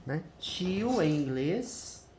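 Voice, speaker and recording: A Brazilian woman with a low voice walks through an English lesson while she browses, thinking aloud and tossing in constant little check-ins with the viewer. The room is echoey, with a faint hiss under her voice. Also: sing-song, drawn-out words, darkish tone. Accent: Brazilian Portuguese. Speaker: English teacher. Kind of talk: screen-share English lesson.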